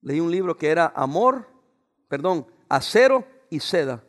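A man, a pastor preaching a sermon, raising his voice at times and dropping into soft, quiet asides. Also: on the high side, sing-song, a little slow. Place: church. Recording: long reverb of a church hall.

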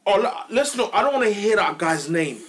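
A man talks in a slangy London roadman accent, like casual football podcast banter. His pitch swings widely. He is excitable and emphatic, often repeating himself. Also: fairly quick, a loud crowd.

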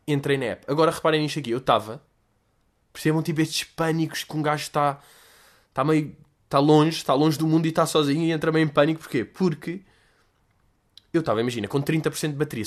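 Speaking with a European Portuguese accent, this young adult podcast host spins a casual storytelling monologue full of slang and animation. His volume rises with his excitement, and his pitch is a little high.

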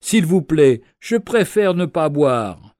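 A man voicing a timid but stubborn twelve-year-old cabin boy in a storybook tale, speaking softly and pleading. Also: fairly high pitch, sing-song, slow pace, no room sound, clean studio sound. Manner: soft, pleading.

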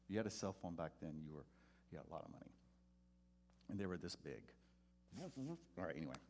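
Telling a personal story as his sermon, a pastor speaks fast in a very low, creaky voice. He gets animated and loud as it builds and performs the voices of its characters. Slight background noise is present.

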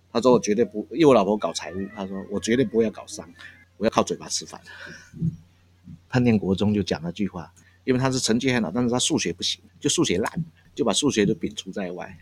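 A man's voice: on the low side, a bit bright, slightly rough. A man, a café owner telling family stories in a casual interview, chuckling often between phrases. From Taiwan. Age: 60s. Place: countryside coffee shop. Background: faint jazz from shop speakers.

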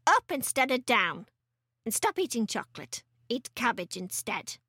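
A woman voicing a bossy, sharp-tongued tiny old grandmother who snaps and scolds. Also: on the high side, very animated, normal speed, husky, dry recording, clean studio sound, exaggerated voice. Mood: scolding. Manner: snapping, scolding.

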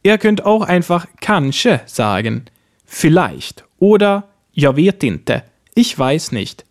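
A man's voice: fairly high pitch, sing-song. Man teaching in a lesson podcast. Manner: slow, careful spelling out of example words. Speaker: language teacher host.

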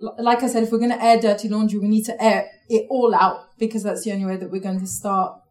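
A woman's voice: mid-range voice, little pitch movement, fast talker, darkish tone, reverberant, poor audio. A woman speaking on a panel, urgent and passionate, with frequent fillers. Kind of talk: impassioned panel talk.

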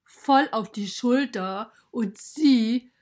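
A woman telling a children's story in the voice of a pony, lively and often dropping to a hush. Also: fairly high pitch, drawn-out words.

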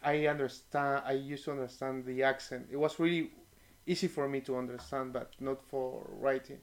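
Male guest, animated storyteller, restarts often, mid pitch. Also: moderate pace. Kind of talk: casual interview chat.

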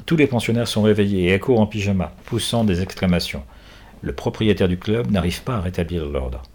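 A man reads a children's adventure novel aloud. His reading is lively, and he shifts his voice to play the different characters. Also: deep voice, a little fast. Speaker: audiobook reader. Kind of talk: children's book read aloud.

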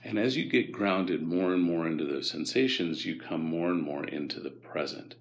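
A man from the United States, a guest expert, calmly and gently explaining mindfulness practice in an interview. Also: low voice, normal speed. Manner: calm, guiding, gently instructive.

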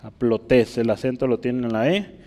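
A man preaching a teaching sermon, his voice set a little high and carried by a long hall reverb. He explains scripture patiently and keeps asking his listeners for agreement. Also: a little slow. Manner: teaching, rhetorical questions, asks listeners for agreement; writes on a board while speaking.

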